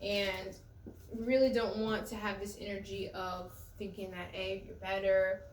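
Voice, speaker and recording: A woman's voice: mid-range voice, flat delivery, measured pace, far from the mic, slight background noise. A woman giving a casual tarot reading to her viewers in a conversational way, often repeating and restarting her phrases. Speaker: tarot reader. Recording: echoey room, voice off-mic.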